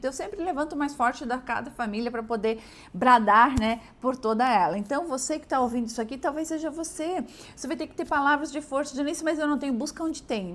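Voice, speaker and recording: A Brazilian woman with a Brazilian Portuguese accent, giving an animated devotional talk from home, sometimes gentle and pleading. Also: a little high. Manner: animated, acts out shouted family quarrels. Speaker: preacher.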